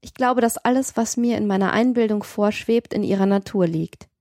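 A woman's voice: medium pitch, moderate pace, mellow, no echo, studio quality, close to an everyday voice. A woman voicing a feverish, devoted young man in an audiobook, speaking urgently and pleadingly. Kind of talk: audiobook reading.

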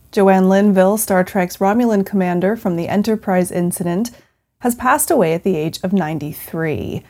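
A woman hosting a news podcast, reading scripted stories in a measured, clearly phrased manner. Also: mid-range voice, warm tone.

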